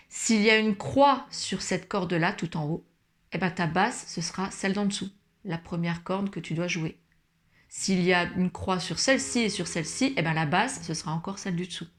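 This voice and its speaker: A woman giving a patient guitar lesson, explaining chords slowly and singing short examples. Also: mid-range voice. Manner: patient, explains slowly, sings along softly. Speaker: guitar teacher. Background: acoustic guitar playing.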